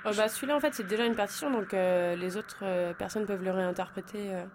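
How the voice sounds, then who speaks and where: A woman's voice: mid-range voice, fast talker, slight background noise. A young woman, an art student, chatting casually in a radio interview with many hesitant fillers.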